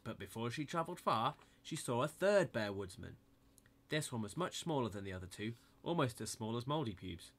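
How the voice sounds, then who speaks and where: A man's voice: mid-range voice, expressive, a little fast. A man narrating a comic bedtime-style story in a playful, mock-innocent storybook manner.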